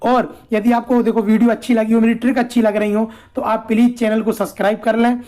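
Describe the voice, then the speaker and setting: A man's voice: sits high, little pitch movement, brisk, dark tone. A man teaching an exam-prep lesson in a casual, explanatory way. He repeats himself, asks his own questions, answers them, and keeps checking in with "theek hai.".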